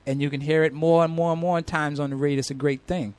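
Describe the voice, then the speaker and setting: A man hosting a hip hop radio show, shouting out names in a sing-song flow and giving earnest advice to callers. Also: on the high side, little pitch movement, quick pace. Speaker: radio host.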